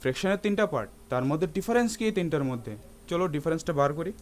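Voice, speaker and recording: A man's voice: fairly high pitch, expressive, racing, a little hiss or hum. A man teaching a math lesson in a classroom-lecture style, often asking his students rhetorical questions and slipping English terms into his speech.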